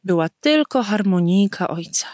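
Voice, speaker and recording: A woman reading a story aloud slowly and expressively, giving the characters' lines their own voices. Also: medium pitch, lively intonation, darkish tone, dry recording, clean studio sound. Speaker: narrator.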